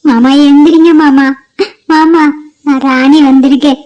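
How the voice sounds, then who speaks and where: A woman's voice: sits high, fairly even intonation, unhurried, warm tone, highs cut off. A woman voicing an anxious middle-aged village mother who frets and wails in fear. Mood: desperate. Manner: fretful, wailing. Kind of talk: cartoon voice acting.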